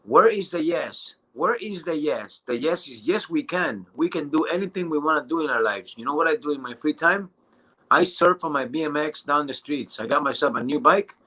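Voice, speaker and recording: A man in his thirties giving an excited, casual motivational testimonial, often restarting and stumbling over his words. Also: on the high side, low-quality recording. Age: 30s. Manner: excited and halting, with many restarts and fillers. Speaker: business testimonial speaker.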